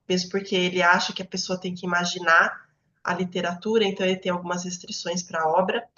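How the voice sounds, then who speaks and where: A woman's voice: fairly low pitch, level tone, quick pace, sharp tone, reverberant, lo-fi sound. A woman with a Brazilian Portuguese accent hosting a book club, explaining ideas in a conversational teaching style and often checking in with her listeners. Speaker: book club host and educator.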